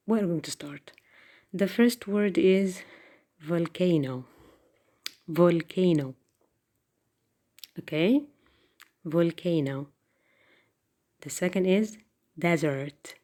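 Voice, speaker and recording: A woman's voice: fairly low pitch, dark tone. A woman teaching an English vocabulary lesson, hesitant and full of fillers, repeating each new word. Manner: slow, halting, many fillers, repeats words.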